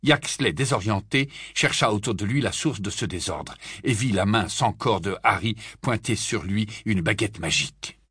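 A man reading a fantasy novel aloud as an audiobook narrator, with expressive storytelling. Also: fairly low pitch, moderate pace, few pauses, husky, dry recording, clean studio sound. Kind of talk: scripted narration.

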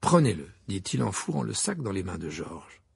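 A man's voice: sits low, very animated, moderate pace, vocal fry, husky, dry recording, clean studio sound, heavily acted. A man voicing a determined, generous teenage boy wizard in an audiobook, speaking firmly and insistently. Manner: firm, insistent.

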